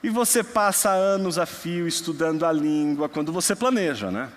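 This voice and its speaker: A young man from Brazil preaching a sermon, moving between quiet storytelling and loud, emphatic passages. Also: a little high, expressive, normal speed. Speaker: pastor. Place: church hall. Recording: long hall reverb.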